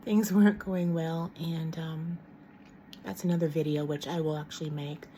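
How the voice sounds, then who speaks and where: A middle-aged woman talks casually to her camera at home. Her voice sits a little low and has a mellow, warm tone. She rambles frankly, with plenty of ums and false starts, and a faint hum of room sound lies underneath. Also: steady tone, normal speed. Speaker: vlogger.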